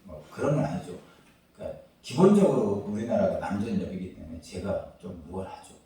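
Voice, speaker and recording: Male pastor, lively sermon delivery, soft asides to loud peaks; distant mic in a reverberant church. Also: low voice, brisk, slight background noise. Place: church sanctuary. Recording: roomy echo, from far off the mic.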